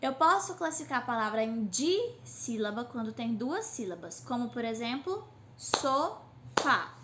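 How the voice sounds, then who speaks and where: A woman teacher gives a recorded class lesson to children, sounding out words slowly syllable by syllable, recorded on a phone on a stand. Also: on the high side, big pitch swings, fairly bright tone, a little hiss or hum. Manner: slow syllable-by-syllable drilling.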